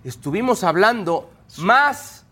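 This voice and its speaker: A Mexican man on a sports panel who defends his views calmly and teases his opponent. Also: high-pitched, slow pace. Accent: Mexican Spanish. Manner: defensive, calm, teasing. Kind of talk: heated studio debate.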